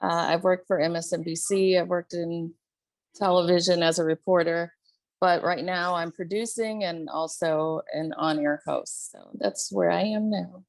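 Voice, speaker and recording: A woman radio host introduces herself in a polished, broadcaster-like way. Her voice sits a little low, and the recording is dry. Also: fairly even intonation, measured pace, creaky, dry recording. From Cleveland, USA. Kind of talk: self-introduction.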